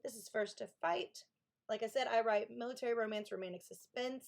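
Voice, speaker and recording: Speaking a little fast, a woman with a high-leaning, darkish voice and some vocal fry chats on a live stream. She is an author from Kentucky with a Southern accent, running writing sprints, talking about her books, thanking viewers and reading the chat aloud.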